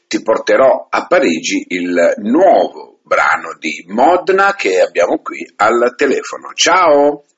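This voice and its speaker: Lively low-voiced male radio host. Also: slightly rough. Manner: lively, hesitant with many fillers. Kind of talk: radio interview. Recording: dull lo-fi radio sound.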